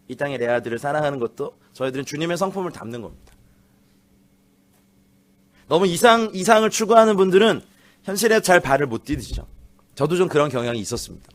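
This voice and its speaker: Brief: male guest pastor, animated comic storyteller, slightly high voice, lively church sermon. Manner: animated, laughing storyteller, acts out teen voices. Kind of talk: lively sermon with acted quotes. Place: church sanctuary.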